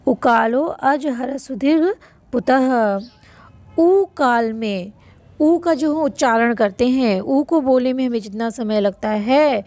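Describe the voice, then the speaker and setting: Slow, high-voiced woman teacher. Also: a little mellow. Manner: patient, repeats rules, asks and answers own questions; stretches vowel sounds to demonstrate length. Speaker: Sanskrit grammar teacher. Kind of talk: online lesson explaining notes.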